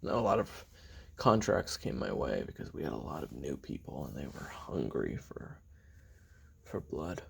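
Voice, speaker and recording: In an audio roleplay, a voice actor plays a weary, bitter, regretful male assassin recounting his youth in a halting, confessional taped memoir. His very deep, gravelly, husky voice is often breathy, sinks toward whispers, and swings widely in pitch in a full character voice. The mood is wry and reflective.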